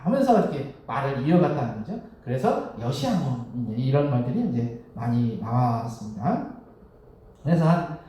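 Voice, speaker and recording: A man's voice: mid-range voice, very animated, moderate pace, dark tone. A man giving a Sunday sermon as a Won Buddhist minister, speaking conversationally, asking the congregation questions and chuckling often. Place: temple hall. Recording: very echoey hall, distant mic.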